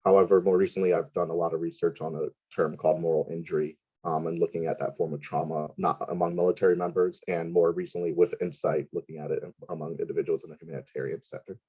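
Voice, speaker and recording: A man who is a professor and panelist, speaking briskly and academically over a video call. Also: sits low, level tone, slightly rough. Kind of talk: panel introduction. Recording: dull lo-fi call audio.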